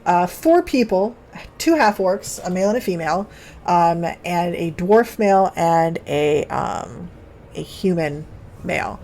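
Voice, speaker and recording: A woman's voice: fairly low pitch, expressive, measured pace, darkish tone. Woman game master narrating loosely. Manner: rambling, with fillers and self-corrections.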